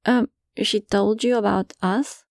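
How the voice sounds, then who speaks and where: A woman's voice: mid-range voice, fairly even intonation, unhurried, darkish tone, dry recording, clean studio sound, natural voice. A woman reading a flustered, stammering actor. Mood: nervous. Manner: stammering, hesitant. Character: flustered famous actor man, nervous and awkward. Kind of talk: reading an erotic story aloud.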